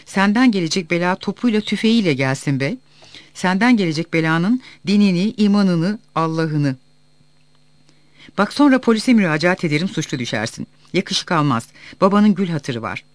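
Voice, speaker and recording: A man voicing a servile, scheming middle-aged mill clerk from a novel, pleading and lively. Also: high voice, moderate pace, no echo. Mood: defiant.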